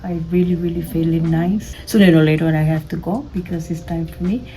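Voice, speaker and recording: An older woman from Spain, a native Spanish speaker, answering interview questions as a school attendance clerk in halting, non-native English. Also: low voice, steady tone, dark tone, low-quality recording.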